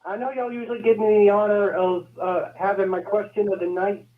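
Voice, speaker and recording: Tinny phone caller, high-voiced man. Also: flat delivery, brisk. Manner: hesitant, restarts and corrects himself. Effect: tinny phone line. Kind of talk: call-in question on a podcast. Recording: tinny phone-line call.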